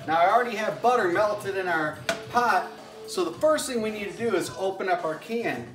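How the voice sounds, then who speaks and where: A man's voice: high voice, expressive, normal speed. A middle-aged man talks through a recipe at his kitchen counter, folksy and step-by-step. He is heard from a camera a few steps away, with faint music underneath at times. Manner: folksy, step-by-step explaining while stirring. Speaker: home cooking show host. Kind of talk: casual cooking demonstration. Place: home kitchen indoors.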